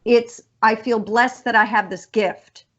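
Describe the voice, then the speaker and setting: A woman in her fifties talks slowly and with feeling, her voice sitting a little high for a woman. She rambles warmly as the show's resident psychic. The sound is dull and lo-fi. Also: steady tone. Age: 50s. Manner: slow, earnest, emotional and rambling. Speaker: resident psychic on a college radio show. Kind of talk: heartfelt farewell chat.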